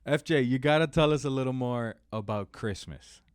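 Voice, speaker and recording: A man's voice: medium pitch, normal speed, clear, resonant tone. A man hosting a podcast, joking around and asking his guest questions. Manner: jokey, asks questions. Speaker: podcast host. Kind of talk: casual podcast chat.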